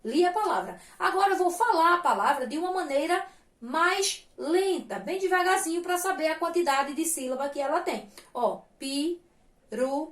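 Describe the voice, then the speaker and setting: A woman teaching young children with a Brazilian Portuguese accent, patient and sing-song, spelling syllables out slowly. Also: very high voice, expressive, fairly bright tone, echoey room. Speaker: primary school teacher. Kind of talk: recorded lesson for young children.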